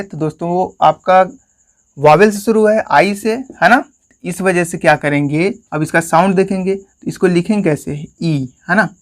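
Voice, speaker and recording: A man with a Hindi accent teaching English grammar in a classroom-style lesson, often calling his listeners friends and asking questions that he answers himself. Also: on the high side. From India.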